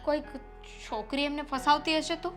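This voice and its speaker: An actress playing a young wife who defends herself to her mother-in-law and grows anxious, with soft music behind. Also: sits high, fairly even intonation, moderate pace, lightly acted. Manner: defensive, protests then worries aloud. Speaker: actor in a family drama. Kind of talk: short-film drama acting. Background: soft background music.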